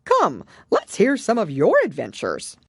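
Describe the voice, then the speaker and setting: A brusque, self-important mythical beast from a children's storybook, played by a woman. The delivery is emphatic and impatient, pitched up and swinging boldly, as if every answer is obvious. The sound is close and dry. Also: huge pitch swings, a little slow, slightly rough, no echo, full character voice. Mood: impatient, bossy. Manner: brusque, emphatic, know-it-all. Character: solemn, impatient, bossy male Gryphon, a mythical beast. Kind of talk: children's storybook character reading.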